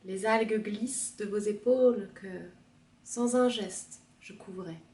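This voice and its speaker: A woman librarian reading a poem aloud in a measured, soft expressive manner. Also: medium pitch, distant mic. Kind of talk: poetry reading. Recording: roomy, from the mic.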